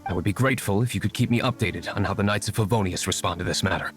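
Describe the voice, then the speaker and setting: A man's voice: lowish voice, racing, faint music behind, close to an everyday voice. Man playing Diluc, a stern, intimidating young vigilante. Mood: composed, serious. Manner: formal, threatening, controlled. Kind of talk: video game voice acting.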